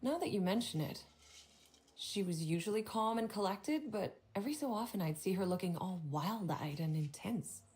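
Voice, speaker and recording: A woman's voice: mid-range voice, lively intonation, moderate pace, a little mellow, lightly acted. A woman voicing a prim, formal hotel desk clerk in a video game who turns catty and gossipy.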